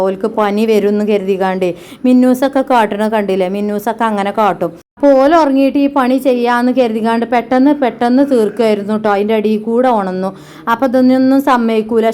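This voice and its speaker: A woman's voice: medium pitch, dark tone, clear, resonant tone. A woman, chatting to her viewers in a casual family vlog as she narrates her housework. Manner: chatty, talks straight to viewers. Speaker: family vlogger.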